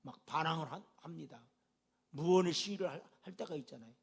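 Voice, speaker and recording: A man's voice: a little high, fairly quick, vocal fry. A male pastor preaching a sermon with emphatic delivery, asking the congregation rhetorical questions. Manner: emphatic preaching with rising and falling intensity.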